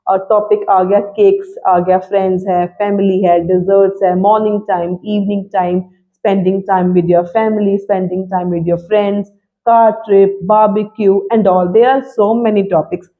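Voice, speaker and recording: A woman's voice: mid-range voice, little pitch movement, takes it slowly. A woman, explaining exam tips in an online lesson and mixing two languages as she teaches. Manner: explaining, mixes Hindi and English. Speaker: IELTS teacher. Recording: tinny phone-like audio.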